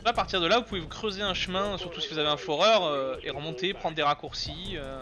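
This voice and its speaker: A man giving casual commentary while playing a video game, excitable, swearing and laughing when startled. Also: a little high, fast. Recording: game music underneath.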